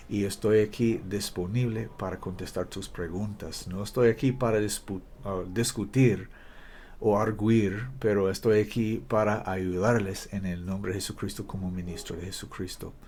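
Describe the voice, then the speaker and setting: A male preacher in Spanish, giving an emphatic, halting scripture sermon and correcting himself as he goes. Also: on the low side, darkish tone, a little hiss or hum. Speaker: preacher, minister.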